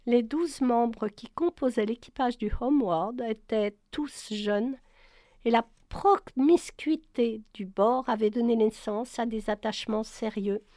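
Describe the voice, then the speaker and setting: A woman's voice: a little high, a little slow, warm tone, dry recording. Woman narrating a novel, dry close sound. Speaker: audiobook narrator. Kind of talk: storybook narration.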